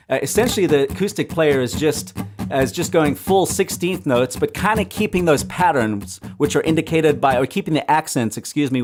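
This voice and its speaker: A man giving an acoustic guitar lesson, explaining strumming patterns and counting sixteenth notes out loud in a relaxed, explanatory way. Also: a little high, slight background noise. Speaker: guitar teacher. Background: acoustic guitar playing.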